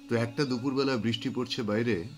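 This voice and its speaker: A man reading and talking about poetry, telling the story behind the poems in an unhurried way with thoughtful pauses. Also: medium pitch, fairly even intonation, faint music behind. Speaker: poetry reader and speaker. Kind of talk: reflective spoken commentary on poetry.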